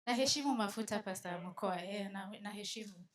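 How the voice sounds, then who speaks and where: A woman's voice: mid-range voice, a little fast. A Kenyan woman giving a storytelling talk to a live audience at a conference, switching between English and Swahili and teasing the crowd. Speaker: conference speaker. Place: conference venue.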